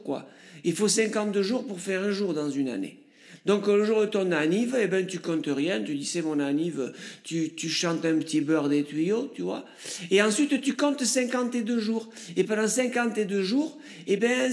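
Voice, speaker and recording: A man doing a goofy high-voiced know-it-all hero. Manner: silly voice, loud bright explaining. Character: goofy know-it-all male superhero character. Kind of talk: comic sketch monologue.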